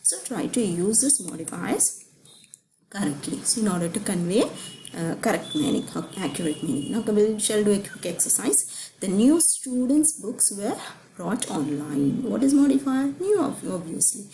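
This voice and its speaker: Woman teaching grammar, mellow voice. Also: medium pitch, expressive, normal speed, a little hiss or hum, low-quality recording. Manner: explains with questions to the class, frequent restarts. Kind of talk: grammar lecture.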